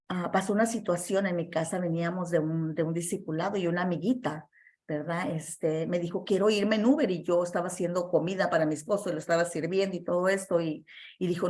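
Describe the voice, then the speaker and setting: A woman's voice: lowish voice, darkish tone. A woman preaching a sermon and telling a testimony in an earnest, emphatic way, with many fillers and restarts.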